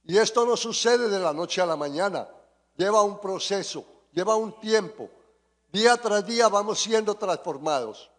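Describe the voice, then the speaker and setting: A man's voice: high-pitched, expressive, normal speed. A man preaching a sermon and praying fervently, often repeating his appeals to the Lord. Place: church sanctuary. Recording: long church reverb.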